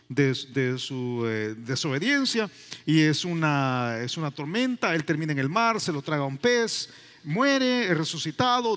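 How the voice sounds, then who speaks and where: A male pastor delivering a sermon in an emphatic, animated manner, full of repetition and rhetorical questions. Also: a little high. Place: church.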